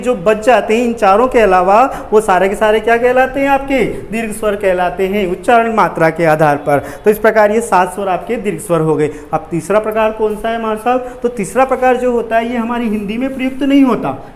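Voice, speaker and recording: A man teaching a lesson with a Rajasthani Hindi accent, who repeats key phrases and asks questions that he answers himself. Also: very high voice. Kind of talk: classroom lecture.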